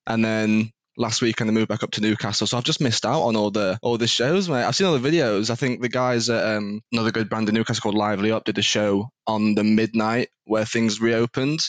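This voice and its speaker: A man's voice: lowish voice, steady tone, a little fast, hardly any pauses, no room sound. A young man with a South Yorkshire accent chatting casually as an interview guest, slangy and matey. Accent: South Yorkshire English. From Doncaster, northern England. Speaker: events promoter, interview guest. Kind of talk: casual chat.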